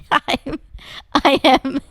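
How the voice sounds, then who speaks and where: A woman's voice: high-pitched, flat delivery, very slow, no echo, studio quality. A young woman hosting a casual chat with her father, teasing him and laughing often. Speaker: podcast host interviewing her father.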